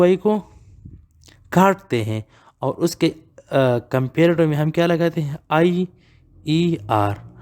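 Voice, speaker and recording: Male grammar teacher, slightly high voice, slow drilled delivery, answers his own questions. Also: darkish tone. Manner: asks and answers his own questions, repeats key words; reads English examples slowly and deliberately. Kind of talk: classroom grammar lesson.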